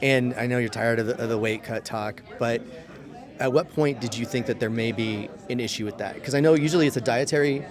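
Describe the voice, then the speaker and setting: A man's voice: mid-range voice, a little fast. A man working as a sports reporter, asking questions in a casual post-fight interview. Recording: noisy crowd behind, event venue interview. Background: crowd and venue noise.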